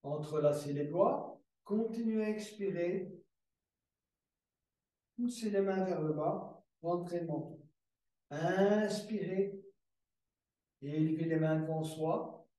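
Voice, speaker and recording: A calm male yoga teacher guides a class through breathing and stretches, giving slow, step-by-step cues and softly repeating them. His mellow voice sits a little high for a man. He sounds far from the mic in a very echoey room.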